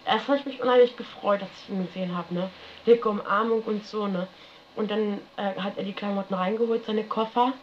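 A woman's voice: mid-range voice, fairly even intonation, a little fast. Woman rambling on an old lo-fi tape. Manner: rambling, colloquial, tags sentences with "ne?". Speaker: interviewee recounting her life. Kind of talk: casual spoken recollection. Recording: dull lo-fi archival radio tape with faint hiss.

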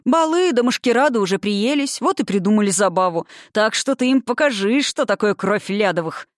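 A woman reading aloud voices a loud, bossy old father, a rough cossack chief. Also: animated, fairly quick, no room sound, studio quality, lightly acted. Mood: blustering. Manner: booming, bossy.

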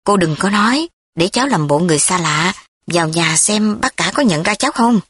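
A woman's voice: lowish voice, animated, fairly quick, a bit bright, slightly rough, no echo, clean studio sound. A woman reading the lines of a polite, respectful young husband returning home in a recorded story. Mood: playful.

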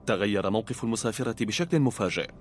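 A man giving scripted narration for a documentary in an even, informative way. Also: on the low side. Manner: fast, even, informative delivery. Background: faint music.

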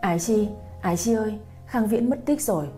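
A woman's voice: lowish voice, expressive, moderate pace, mellow, soft background music, close to an everyday voice. A woman reading a tearful young mother. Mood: distraught. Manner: tearful, pleading. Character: young mother frantic over her missing son.

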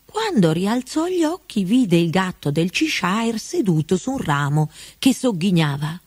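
Woman storyteller, slow, lively intonation, for storybook narration. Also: medium pitch. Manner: slow and expressive.

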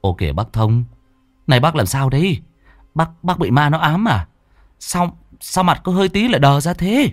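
A man's voice: medium pitch, expressive, normal speed, long pauses, no echo, close to an everyday voice. Guy playing a young train helper, chatty, asking stuff, dry sound. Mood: puzzled. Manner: casual, questioning. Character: young male train assistant, puzzled.

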